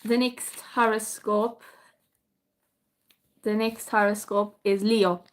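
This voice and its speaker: Slow-paced Kerry Irish woman host. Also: medium pitch, level tone. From North Kerry, Ireland. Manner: chatty, greets viewers by name, unhurried. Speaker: music teacher and livestream host. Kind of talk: casual livestream chat reading viewer comments.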